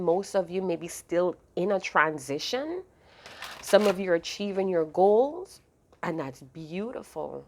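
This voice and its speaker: Sleepy, low-voiced woman giving a spiritual reading. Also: a little hiss or hum. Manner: soft, unhurried, self-correcting. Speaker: astrology and tarot reader.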